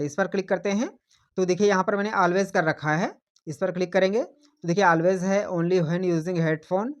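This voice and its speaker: Step by step and with plenty of patience, a high-pitched man leads a tech tutorial on phone settings, going over his points again and repeatedly drawing attention to details.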